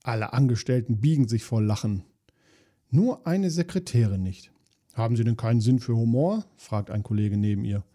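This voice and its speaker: A man's voice: medium pitch, normal speed, mellow. A man hosting a podcast, reading jokes aloud in a dry, weary, self-mocking way, with asides between them.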